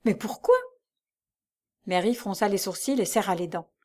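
A woman reads a classic novel aloud in a steady, composed way. Her voice sits at an ordinary middle pitch, and her delivery is calm and measured. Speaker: audiobook narrator. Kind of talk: scripted narration of a classic novel.

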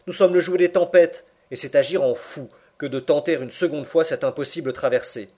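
A man's voice: fairly high pitch, brisk, dark tone, close to an everyday voice. Man voicing a firm, earnest young man. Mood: firm pleading.

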